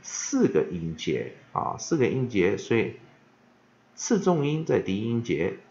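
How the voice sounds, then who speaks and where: A man teaching English vocabulary pronunciation, often stretching out the example words and filling pauses with "ah". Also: lowish voice, a little hiss or hum. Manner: lively, drawn-out demonstration of words, frequent filler "ah". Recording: dull lo-fi recording.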